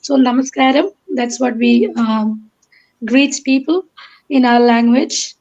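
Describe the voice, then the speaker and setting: A woman from Kerala, a native Malayalam speaker with a Malayali Indian accent, is an interview guest on a lo-fi online call. Her slightly high, darkish voice moves at a slow pace as she hesitantly shares a personal account, piecing her thoughts together in short phrases.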